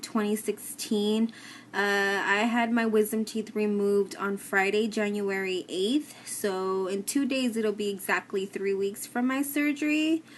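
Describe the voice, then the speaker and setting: A woman giving a casual personal update to camera, explaining things plainly with some hesitation. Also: medium pitch. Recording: clear background noise, room ambience.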